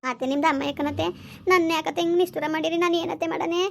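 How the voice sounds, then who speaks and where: A woman's voice: extremely high pitch, steady tone, racing, gravelly. A woman playing a pleading young daughter-in-law. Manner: pleading, keeps asking what she did wrong. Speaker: village skit actor. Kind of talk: homemade village family drama.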